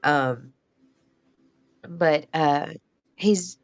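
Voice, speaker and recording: A woman's voice: deep voice, extremely slow. A woman hosting a casual live stream, chatting in a rambling way and laughing often. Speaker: livestream host.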